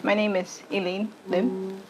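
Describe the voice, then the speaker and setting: Woman, late twenties, measured deliberate delivery, mid-pitched voice, personal statement to camera. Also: little pitch movement, a little hiss or hum, rough recording. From Singapore. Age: late 20s. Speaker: arts educator and content creator.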